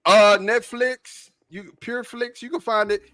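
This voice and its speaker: A man co-hosting a sports podcast in casual chat, enthusiastic and quick to laugh. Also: very high voice, fairly even intonation, a bit bright. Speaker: podcast co-host.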